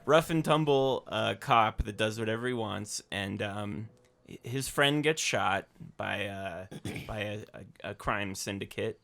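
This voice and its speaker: A man's voice: on the low side, unhurried, gravelly, hardly any pauses, fairly bright tone. A man co-hosting a casual movie podcast, rambling through a plot summary with fillers and laughing asides. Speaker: podcast co-host. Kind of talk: casual chat about movies.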